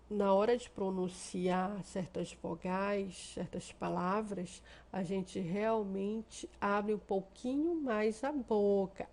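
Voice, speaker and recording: A Brazilian woman teaching a class. She explains step by step, keeps checking that her students follow, and draws out the example words slowly. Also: mid-range voice, a little mellow. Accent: Brazilian Portuguese. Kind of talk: remote class lesson.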